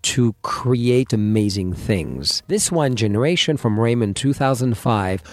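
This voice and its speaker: A man's voice: medium pitch, lively intonation, unhurried, no room sound. French guy with a thick accent, playful and over the top, dry close sound. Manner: playful, grandiose, effusive. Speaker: winery owner, guest. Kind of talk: casual interview.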